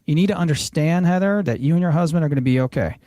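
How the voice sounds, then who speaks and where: A man with a slightly raised pitch walks a listener through retirement spending in an easygoing, earnest podcast chat. He restates his points as he goes, recorded close and dry with no room sound. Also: fast, dark tone, no room sound. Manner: earnest, explanatory, repeats phrases when reframing. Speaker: financial planner, show host. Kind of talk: casual podcast conversation.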